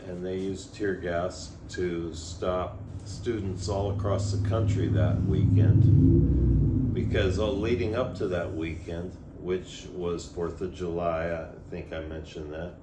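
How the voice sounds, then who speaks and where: Slow, low-voiced older man rambling through stories. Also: fairly even intonation. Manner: rambling, hesitant, trailing off. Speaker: storyteller guest. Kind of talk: rambling storytelling, reminiscing in casual talk. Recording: echoey room, audible background noise.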